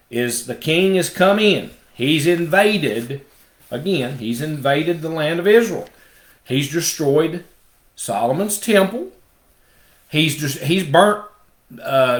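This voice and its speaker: Bible study teacher, male, slightly high voice, unhurried and deliberate, echoey room. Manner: deliberate, explaining step by step with emphatic asides.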